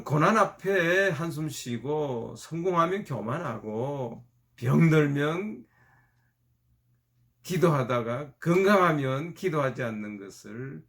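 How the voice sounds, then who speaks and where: Male pastor, sermon, animated storytelling, higher voice.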